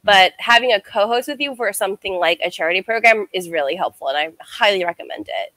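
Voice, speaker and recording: Bright-voiced chatty woman guest. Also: mid-range voice, animated, fast talker, no echo. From United States. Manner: chatty, heavy use of "like". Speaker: guest streamer. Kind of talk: casual interview storytelling.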